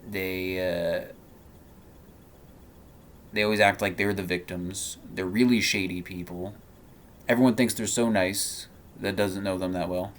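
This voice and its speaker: A man in his thirties talking in a personal vlog monologue, halting and rambling with many fillers and restarts. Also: low-pitched, fairly even intonation, a little hiss or hum. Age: 30s. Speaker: vlogger.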